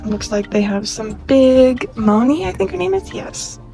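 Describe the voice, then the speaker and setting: A young woman in her twenties chats excitedly into her phone camera as she browses store shelves. Her voice sits a little high and she gushes freely. Faint store music plays in the background. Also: unhurried, creaky. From California. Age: 20s. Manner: gushing, excitable, chatty. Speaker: vlogger. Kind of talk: casual shopping vlog narration.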